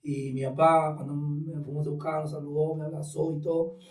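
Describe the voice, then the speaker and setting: Man, testimony guest, animated storyteller, higher voice, mellow tone, roomy off-mic sound. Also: a little fast, distant mic. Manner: animated storyteller acting out dialogue. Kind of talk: personal testimony in conversation.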